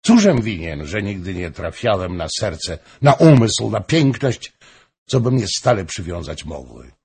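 A man's voice: lowish voice, sing-song, measured pace, creaky, darkish tone, breathy edge, full character voice. A man voicing a passionate, pleading king in a storybook reading, raised and theatrical.

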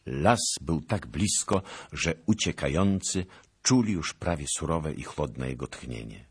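A man narrating an audiobook with a very deep, husky voice. His pitch moves a lot, and his tone is bright and sharp. The delivery is dramatic and rises with the action. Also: lively intonation, unhurried.

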